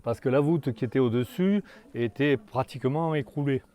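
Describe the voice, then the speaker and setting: Outdoors in a hamlet, an older man guides a tour in a low, mellow tone, speaking haltingly with frequent fillers and restarts.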